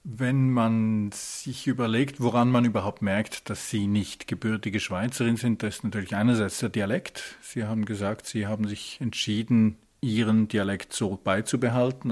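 Swiss male interviewer, low measured voice. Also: steady tone, a little mellow. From Switzerland. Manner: measured, probing questions. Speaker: interviewer, host. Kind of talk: radio interview.

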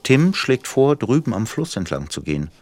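A man narrating a radio drama in a calm, measured storytelling voice. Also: medium pitch.

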